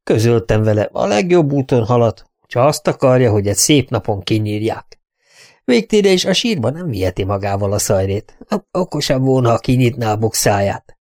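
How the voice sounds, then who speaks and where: A man's voice: mid-range voice, lively intonation, a little mellow, no room sound, studio quality, close to an everyday voice. A male audiobook narrator voicing a cynical young man who talks bluntly and mockingly.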